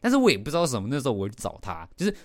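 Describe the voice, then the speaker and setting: A middle-aged man with a Taiwanese Mandarin accent hosts a podcast, telling a story in an animated way with lots of fillers and laughs. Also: mid-range voice, racing, no room sound, studio quality. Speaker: podcast host. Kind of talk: casual storytelling.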